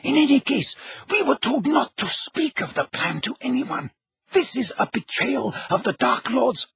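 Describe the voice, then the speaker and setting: Bellatrix, a man voicing a shrill, scornful witch. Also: very animated, measured pace, creaky, a bit bright, breathy edge, no room sound, exaggerated voice. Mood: pleading. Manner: shrill, contemptuous, urgent. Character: fierce scornful adult witch sister. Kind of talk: audiobook character reading.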